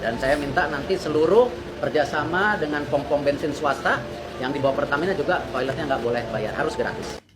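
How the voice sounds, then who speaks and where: A man stands outside a petrol station and complains to the camera, demanding that things be fixed. His voice is slightly high for a man. Loud traffic noise runs behind him. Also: brisk.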